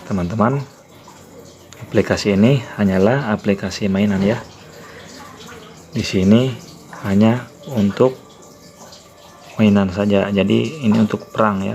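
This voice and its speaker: A man with a lowish, slightly mellow voice hosts a tutorial channel, walking viewers through a phone app. He explains plainly and repeatedly uses the filler "ya, teman-teman."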